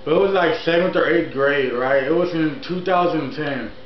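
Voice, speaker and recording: A YouTuber in his early twenties, speaking at a normal pace in a fairly high voice, tells a personal story on his channel in a loose, rambling vlog style, often repeating himself. He is indoors at home with a TV on, and the room sounds echoey and dull with faint noise.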